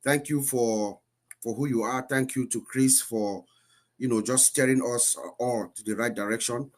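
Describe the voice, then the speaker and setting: A man's voice: medium pitch, fairly even intonation, normal speed. A man in his fifties who grew up in Cameroon, a guest speaker telling his life story on a live stream in an earnest, repeating way. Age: 50s.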